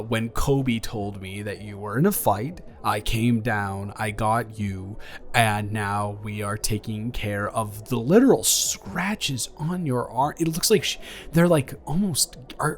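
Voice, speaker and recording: In an intimate audio roleplay, a man improvises a caring, flustered young ex-boyfriend, speaking casually with stammers and halting phrases. His medium-pitched, natural voice moves from incredulous to concerned and hesitant.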